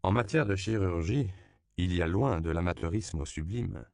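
A man's voice: deep voice, normal speed, gravelly, a little mellow, clean tone, no room sound. A man reading the lines of a mocking male doctor in an audiobook, dry and amused. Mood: wry. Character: sardonic male doctor atop a ladder.

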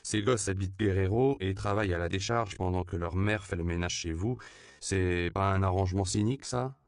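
A man's voice: low voice, fairly quick, clear, resonant tone, no echo. A man voicing a cool, dismissive male doctor. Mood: sardonic. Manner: dry, dismissive.

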